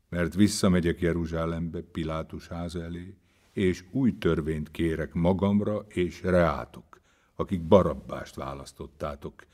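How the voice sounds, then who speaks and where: A man reads the part of a calm spiritual master of a storybook tale, whose very low voice stays soft and unhurried. He speaks mildly, like a patient teacher leading his followers. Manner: soft, slow and mild.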